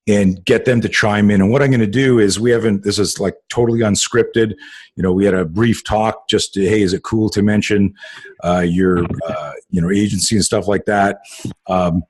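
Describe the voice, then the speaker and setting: A man's voice: fairly low pitch, slightly rough. A man hosting a casual group call, rambling with many fillers and swearing freely. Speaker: podcast host.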